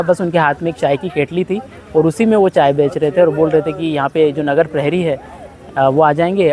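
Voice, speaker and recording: A man's voice: fairly high pitch, darkish tone. A man from India, a travel vlogger and yoga teacher, chatting casually outdoors by a lake with many fillers. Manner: chatty, rambling, frequent fillers. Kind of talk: casual travel vlog narration. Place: outdoors by a lakeside ghat.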